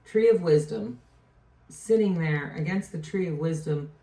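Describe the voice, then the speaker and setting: A tarot reader gives a casual reading in a low, mellow voice at a somewhat slow pace, rambling and often trailing off before restarting her thought. She sounds distant from the mic in an echoey room.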